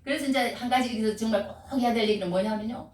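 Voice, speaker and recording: A middle-aged woman preaching a sermon, animated and repeating key phrases, often calling out hallelujah. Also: a little high, racing. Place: church sanctuary. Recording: echoey room, voice from far off mic. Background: congregation responding.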